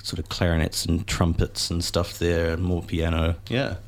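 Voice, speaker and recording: A man's voice: low-pitched, little pitch movement, normal speed, creaky. A man chatting casually about music and introducing tracks as a musician.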